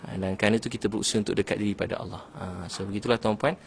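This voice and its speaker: A Malaysian man giving a casual religious talk, telling stories in an animated way with many "ha" fillers. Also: on the low side, very fast, creaky, slight background noise. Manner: animated storytelling, frequent "ha" fillers. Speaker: religious preacher.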